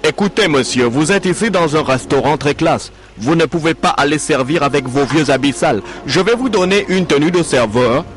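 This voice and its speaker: A man's voice: fairly high pitch, lively intonation, normal speed, few pauses, pitched above the performer's own voice, lightly acted. A man voicing a fussy, anxious male restaurant owner who speaks in a placating, nervous way, with music behind.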